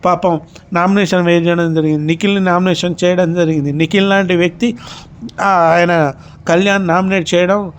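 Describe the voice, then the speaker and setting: A man's voice: high voice, steady tone, moderate pace, smooth. A man narrating a recap of a reality show, retelling events in a running storyteller tone with small slips.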